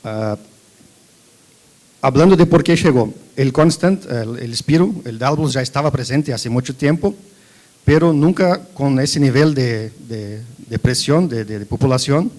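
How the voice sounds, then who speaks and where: A man's voice: medium pitch, a little slow, a little mellow. A man from Brazil, a native Portuguese speaker, gives a technical presentation in a Spanish and Portuguese mix with a Brazilian accent. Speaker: agricultural company researcher presenting.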